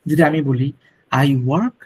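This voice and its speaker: A man's voice: fairly high pitch, animated, slow pace, darkish tone, a little hiss or hum, poor audio. A man teaching a French lesson to students, patiently repeating pronunciation drills. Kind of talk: classroom lecture.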